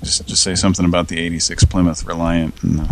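A man's voice: low voice, level tone, quick pace. A man hosting a prank call show, chatting casually and wryly, swearing now and then. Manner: swearing, laughing, wry. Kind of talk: casual chat.

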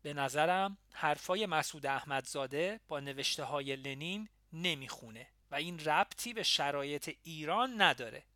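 A man's voice: on the high side, expressive, few pauses, sharp tone, no echo, studio quality. A man voicing a young male activist who speaks his mind in a political argument in an audiobook. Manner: frank, then conciliating.

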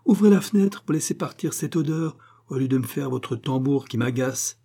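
Man putting on a shrill nagging bourgeois wife. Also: little pitch movement, vocal fry, mellow, slightly rough. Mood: scolding. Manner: sarcastic, nagging, quick to scold. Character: shrill scolding middle-aged bourgeois wife. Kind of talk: audiobook character reading.

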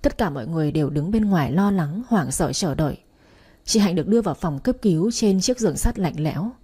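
A woman narrating a story with a steady, measured reading. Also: on the low side, breathy edge. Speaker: audiobook narrator.

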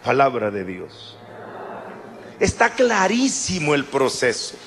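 A man preaching a sermon in an animated way, with chatty asides to the congregation. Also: mid-range voice, slow.

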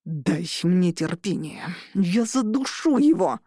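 A furious male vampire marshal snarls and shouts in a voice pitched low, as a woman reading a story puts him on. His words come slow and heavy, and the sound is dry and close. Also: expressive, no echo. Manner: growling, shouting.

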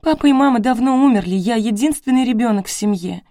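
A weepy young woman, defensive and desperate, her voice pushed high and loud as she sobs through each line, as a woman reading the story puts her on. Dry, close audiobook sound. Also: fast, no room sound, close to an everyday voice. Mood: tearful, desperate. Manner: sobbing, pleading, high and strained. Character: tearful young woman, distraught widow, defensive.

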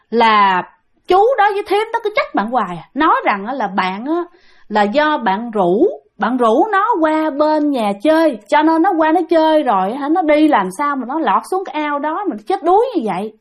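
Woman host, Southern Vietnamese accent, high voice; chatty ghost-story teller who talks straight to her listeners. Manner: chatty, keeps addressing listeners directly. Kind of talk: casual ghost-story telling.

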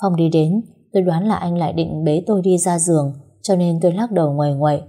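A woman telling a first-person story in a soft, steady reading voice. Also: on the low side, a little fast, slightly rough.

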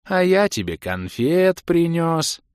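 A man doing a slow, childlike bald elf. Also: on the high side, big pitch swings, a little mellow, smooth, no room sound, clean studio sound, pitched above the performer's own voice. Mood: chirpy. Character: childlike bald male elf, cheerful and tactless.

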